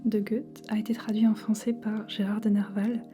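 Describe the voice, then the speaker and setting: A woman speaking in a hushed, breathy library whisper, chatting informally in a casual ASMR book talk. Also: mid-range voice, little pitch movement, moderate pace, faint music behind. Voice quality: soft, breathy unvoiced whisper. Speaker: ASMR creator.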